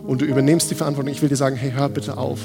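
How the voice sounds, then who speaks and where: A man's voice: mid-range voice, level tone, rapid-fire, vocal fry. A man in his thirties preaching a sermon in a church hall, addressing the congregation directly and urgently. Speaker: pastor. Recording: long hall reverb, faint music behind.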